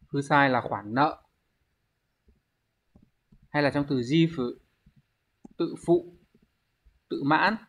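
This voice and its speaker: Over a muffled recording, a male Japanese teacher with a medium-pitched voice gives an online exam review. He explains the readings of words and asks the class rhetorical questions to check in.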